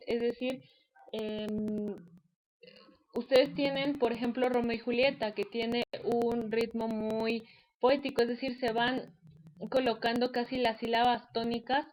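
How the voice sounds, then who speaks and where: A woman teacher walks her students through a lesson. Her voice sits a little high, and she explains patiently, pausing on fillers as she goes. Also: a little mellow, a little hiss or hum, low-quality recording. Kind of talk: online class lecture.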